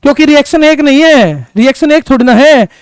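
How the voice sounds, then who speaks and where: A man's voice: very high-pitched, lively intonation, a little fast, dry recording. A man teaching a chemistry class, repeating key words, asking students questions and answering them himself, terms into his speech. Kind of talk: classroom lecture.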